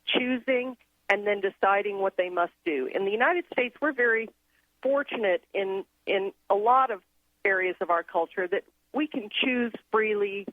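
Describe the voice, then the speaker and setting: A woman who grew up in Thailand, a guest on a radio show, explaining her ideas in an earnest, steady way. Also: medium pitch, normal speed, no echo. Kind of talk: casual radio interview. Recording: tinny phone line.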